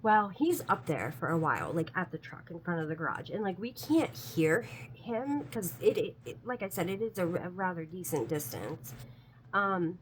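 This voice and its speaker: A woman's voice: fairly low pitch, lively intonation, moderate pace, slight background noise, poor audio. A woman telling a personal story in a casual, chatty way, full of "like" fillers, earnest about it being true.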